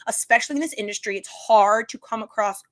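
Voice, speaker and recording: A woman's voice: a little high, quick pace. A woman hosting a casual interview chat, talking emphatically and explaining things at length in a conversational way. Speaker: podcast host, interviewer.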